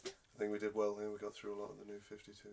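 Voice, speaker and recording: Low-voiced blunt man, chatter behind. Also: completely flat delivery, rapid-fire. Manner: blunt, playful, pushes the topic. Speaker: podcast co-host. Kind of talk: casual chat.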